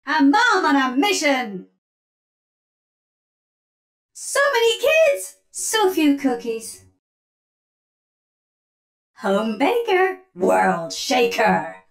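Here a high-pitched, very animated woman exaggerates her voice and talks extremely slowly, leaving long pauses. She plays a sassy, feisty robot oven mom who both bakes and battles, tossing out gleefully menacing punning one-liners for a video game.

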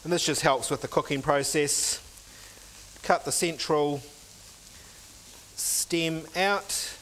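A man's voice: a little high, slow, a little hiss or hum. Middle-aged male chef explaining step by step. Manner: steady step-by-step explaining while working, with filler ums. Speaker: chef and cooking instructor. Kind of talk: cooking demonstration. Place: indoor teaching kitchen.

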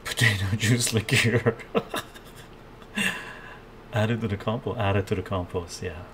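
Cooking in his kitchen at home, an older man streams live, musing aloud and replying to chat messages while he moves around a fixed camera mic. He speaks a little slowly in a steady, low-leaning voice over background noise.

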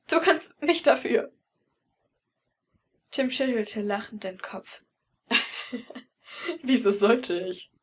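A woman reading a fan-fiction audiobook in first person, with emotional, tense storytelling. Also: on the high side. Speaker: audiobook reader.

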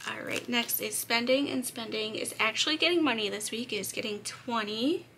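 This budgeting vlogger is a young woman whose voice is slightly high, bright and forceful, brisk in pace, with a slight crack. She chats casually and laughs lightly while counting bills aloud over slight background noise.

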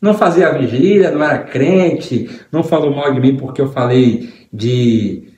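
A man's voice: medium pitch, moderate pace. A man with a Brazilian accent telling a story in casual, slangy talk and acting out what others said. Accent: Brazilian Portuguese. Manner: animated and slangy, often acting out quotes. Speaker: commentator exposing a preacher. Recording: roomy echo.

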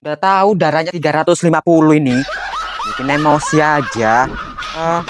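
A man's voice: fairly high pitch, normal speed, noisy background. A man playing a grumbling nagging village mother. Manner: grumbling, mocking asides. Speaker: comic actor. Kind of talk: slapstick comedy sketch.

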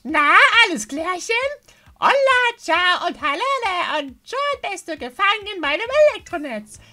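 A woman's voice: very high-pitched, sing-song, a little slow, sharp tone, heavily acted. A woman voicing a bubbly, cute young anime streamer and gym leader from a video game, with a showy, hyper manner. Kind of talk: dubbing video game dialogue.

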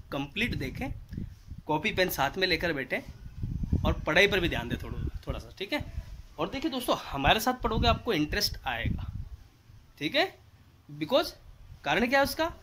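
Male physics tutor, thirties, bright voice, quizzes class then answers himself. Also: high-pitched, slight background noise. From India. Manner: animated, asks rhetorical questions and answers them. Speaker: physics teacher. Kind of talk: whiteboard lesson. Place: indoors at a whiteboard.

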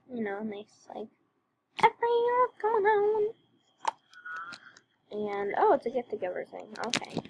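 Woman chatting over her game, kinda gravelly and worn-out voice, lots of ums and likes, pitched a bit high. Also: a little mellow, slight background noise, poor audio. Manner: rambling, apologetic, many "um" and "like". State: voice wearing out from talking all day. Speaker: let's play commentator. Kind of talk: casual gameplay commentary.

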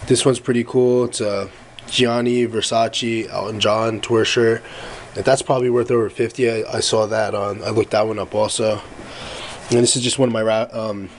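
A man casually showing off and pricing his flea market finds for a haul vlog, in a relaxed, rambling way with lots of fillers and self-corrections, while filming the items up close. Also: lowish voice, a little hiss or hum, low-quality recording.

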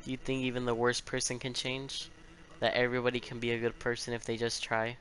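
A man's voice: medium pitch, little pitch movement, fairly quick, fairly bright tone, lightly acted, low-quality recording. A man voicing a laid-back but threatening skeleton, reading game dialogue in a casual, understated way. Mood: quietly threatening.

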